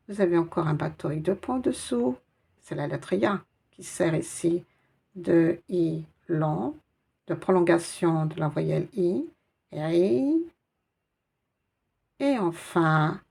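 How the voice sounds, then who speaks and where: A woman's voice: on the low side, vocal fry, darkish tone, slightly rough. A woman teaching Arabic reading in a patient, encouraging way, naming each letter and sound one by one. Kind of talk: slow step-by-step reading lesson.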